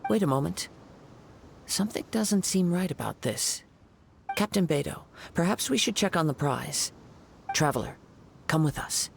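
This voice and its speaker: A man voice actor playing a calm, poetic young wandering swordsman in a video game, speaking in measured, formal phrases. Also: on the high side, gravelly, a little hiss or hum. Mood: calm, resolute. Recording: loud music behind. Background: game music.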